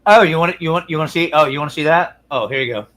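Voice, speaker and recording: Male streamer, casual crude banter with chat, slightly high pitch. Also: rapid-fire, a bit bright. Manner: mumbles while fiddling with screen. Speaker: livestream host.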